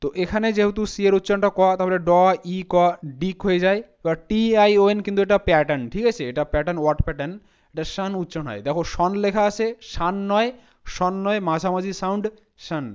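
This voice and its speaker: High, smooth-voiced man teaching pronunciation. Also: fast talker, darkish tone, dull audio. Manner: patient, spells words out letter by letter. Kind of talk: spoken lesson.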